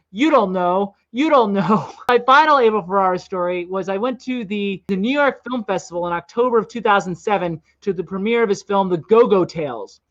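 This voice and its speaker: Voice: medium pitch, a bit bright. A podcast host in their forties, telling film anecdotes in casual chat and chuckling often. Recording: dull lo-fi sound.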